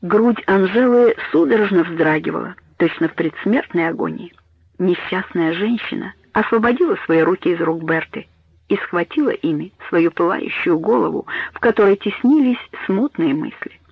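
A man narrating a dramatic audiobook in a measured, dramatic way. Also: high-pitched, animated, creaky, slightly rough, no echo. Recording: tinny phone-like dry audio.

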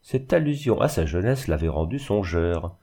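A man reading a classic novel aloud in measured scripted narration. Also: low voice, sing-song, mellow, breathy edge. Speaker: audiobook reader.

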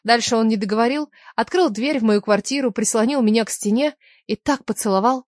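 A woman narrating a first-person romance audiobook with an expressive, emotional reading. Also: a little high, fairly quick, no room sound, studio quality.

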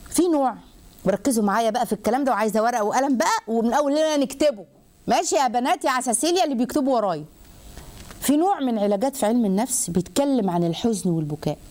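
A woman with an Egyptian accent giving a religious lesson to women, lively and animated, asking herself questions as she goes. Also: fairly high pitch. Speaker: religious teacher.

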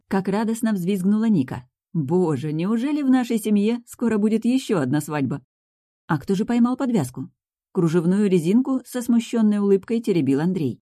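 Woman, audiobook narrator, first-person story, low dark voice, dry close recording. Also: no echo.

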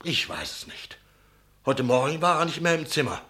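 In a German radio play, an actor voices a nervous, talkative innkeeper recounting what happened, sounding shaken, dramatic and deferential. His voice sits on the high side, pushed and bright, very animated, at a moderate pace.

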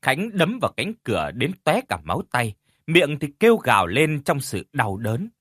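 A man narrating an audio horror story in a measured, expressive storytelling manner. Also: mid-range voice, no room sound, studio quality.

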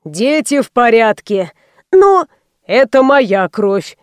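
A woman reading an audiobook voices a fussy, ceremonious old male obstetrician who speaks slowly and formally. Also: on the high side, very animated, smooth, no echo. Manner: slow, formal and courtly.

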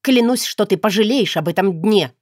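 A woman reading an audiobook, voicing a defiant young heroine who shouts back in indignation. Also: mid-range voice, lively intonation, moderate pace, dry recording, clean studio sound, lightly acted. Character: defiant young heroine, fiery and sharp-tongued.

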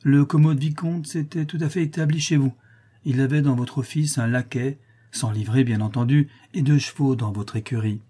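A man's voice: medium pitch, fairly even intonation, moderate pace, dark tone, breathy edge, lightly acted. A man reading aloud, voicing a worldly society lady who lectures her friend in an affected manner. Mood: dry.

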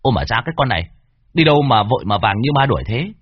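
A man's voice: low-pitched, animated, a little fast, husky, no room sound. A man voicing a smug, coarse village healer in an audio story, brusque and self-assured. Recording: dull lo-fi dry recording.

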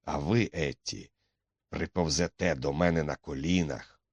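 Bullying young tough, low and curt, menacing, read by a male narrator, dry sound. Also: measured pace, a little mellow, breathy edge, no echo, lo-fi sound, exaggerated voice. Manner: curt, threatening.

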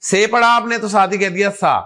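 High-voiced man teaching a class. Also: fairly even intonation, pushed and bright, low-quality recording. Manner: coaxing, repetitive, frequent checks for understanding. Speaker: Arabic grammar teacher. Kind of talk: classroom lesson, drilling letters.

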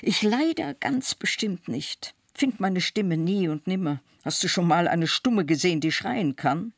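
Man voicing a siren woman, indignant, high-pitched, storybook reading. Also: lively intonation, unhurried, vocal fry, no room sound, studio quality, exaggerated voice.

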